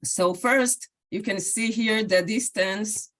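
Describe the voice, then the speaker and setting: A woman lecturer with an Israeli accent delivers an academic talk over a video call, speaking haltingly with lots of fillers and restarts. Her voice is medium-pitched with a fairly bright tone.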